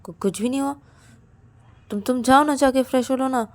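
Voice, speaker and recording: A woman doing lonely, sharp-tongued young Payal. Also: sits high, moderate pace. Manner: pleading, rises to sharp scolding. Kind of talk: storybook narration.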